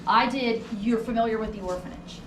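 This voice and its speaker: A woman's voice: a little high, a little fast. A woman working as a ghost tour guide, telling stories casually and conversationally, acting out what people said. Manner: conversational, acts out quoted dialogue. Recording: roomy, distant mic with noticeable background noise.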